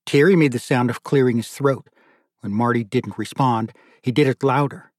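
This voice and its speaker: A man with a middling, darkish voice narrates a literary novel as a scripted audiobook, keeping his intonation fairly even at a normal speed. There's no room sound on this dry recording.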